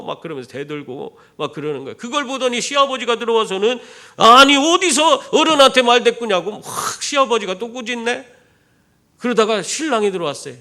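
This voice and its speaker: A man preaching a sermon as pastor, telling stories with rhetorical questions to the congregation. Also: high voice. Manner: animated storytelling with rhetorical questions. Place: church.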